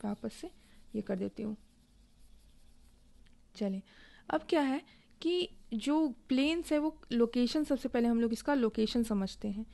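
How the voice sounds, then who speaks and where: A woman teaching an online exam-prep lesson, her fairly high voice carrying a gravelly, creaky edge. She talks slowly and deliberately because she writes as she goes. She poses a question to her students and then answers it herself. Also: a little mellow. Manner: explains slowly while writing, asks and answers own questions. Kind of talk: recorded online lesson, Hindi with English.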